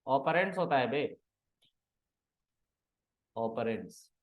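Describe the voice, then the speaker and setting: A man's voice: mid-range voice, expressive, slow, phone-quality sound. A man teaching a programming class, casually quizzing and teasing his students in a classroom. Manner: teasing, asks students questions and scolds them.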